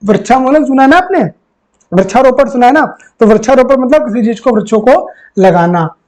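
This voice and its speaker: Speaking a little fast in an extremely high, animated, slightly mellow voice, a man teaches Hindi spelling and vocabulary for an exam. As a tutor he repeats words, quizzes the viewer, and calls viewers friends. The recording is low quality.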